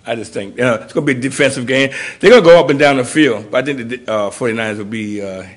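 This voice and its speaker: A man's voice: medium pitch, quick pace. A man chatting casually on a local talk show, laid-back and chuckling, giving short replies. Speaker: sidekick. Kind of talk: casual chat.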